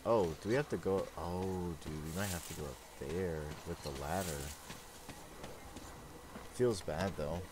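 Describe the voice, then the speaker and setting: A man's voice: low-pitched, measured pace, long pauses, noisy background. A young man streaming a video game, chatting casually with slang and swearing in a laid-back way. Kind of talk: casual gameplay commentary to chat. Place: indoor room, webcam gameplay stream. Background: video game sounds.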